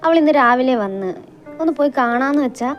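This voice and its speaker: A woman's voice: sits high, animated, fairly quick, lo-fi sound, faint music behind. A woman as a whiny, impatient daughter. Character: spoiled, hurried young adult daughter. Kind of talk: amateur audio drama.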